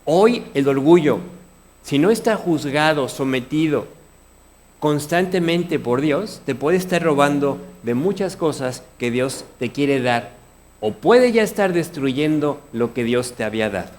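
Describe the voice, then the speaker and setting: A man's voice: a little high, lively intonation, unhurried, a little mellow. A man with a Mexican Spanish accent preaching a sermon, earnest, often asking his congregation questions. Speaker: pastor.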